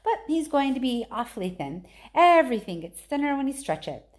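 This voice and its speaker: A woman voicing an eccentric, excitable male chocolate-factory owner in a children's storybook, with polite, breezy, dismissive patter. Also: sits high, a little fast, voice pushed up. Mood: musing, breezy.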